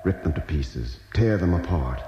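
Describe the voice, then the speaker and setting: An actor playing a grave, thoughtful doctor on a lunar expedition in a vintage radio drama. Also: male voice, low voice, expressive, moderate pace. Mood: bleak. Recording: muffled old radio recording, music behind.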